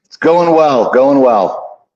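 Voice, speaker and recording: A man's voice: medium pitch, animated, slow pace, a crowd in the background. Man's voice echoing over a dull call line. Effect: echoing reverb on his remote call audio. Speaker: guest on a live show. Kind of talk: casual chat over a remote call. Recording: echoey, dull lo-fi call audio.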